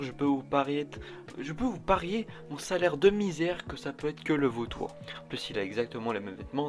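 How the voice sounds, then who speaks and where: A man talking casually to camera as a vlogger, rambling and often restarting his sentences. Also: fairly high pitch. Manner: rambling, with frequent restarts and asides. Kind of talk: casual chat.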